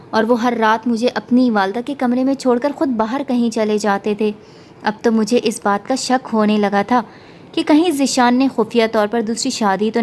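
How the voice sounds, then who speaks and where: A woman storyteller reads an emotional first-person tale in a steady, feeling voice. Her pitch sits slightly high, with a faint hiss behind her. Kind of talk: scripted story narration.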